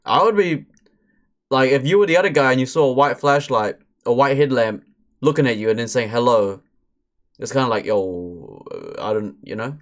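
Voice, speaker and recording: A man's voice: mid-range voice, brisk. A man live-streaming, casually commenting on a story in a chatty, laid-back way with slang. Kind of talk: casual chat.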